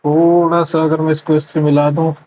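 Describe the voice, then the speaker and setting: A man with a slightly high voice mutters through a mock test, counting numbers under his breath and stopping to fix his own mistakes. He switches between Hindi and English math terms as he works. The recording sounds dull and lo-fi. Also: level tone, normal speed, mellow, a little hiss or hum. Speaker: exam prep tutor solving a live mock test. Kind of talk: thinking aloud while solving math problems.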